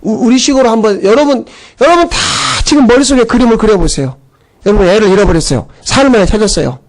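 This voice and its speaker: A male pastor giving a Sunday sermon, telling the story in a lively, animated way with acted-out outbursts. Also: sits high, quick pace.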